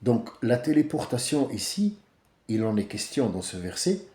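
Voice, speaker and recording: A man's voice: mid-range voice, big pitch swings, normal speed, dark tone, reverberant. A man giving a casual, blunt monologue as a religious commentator, rambling with many restarts.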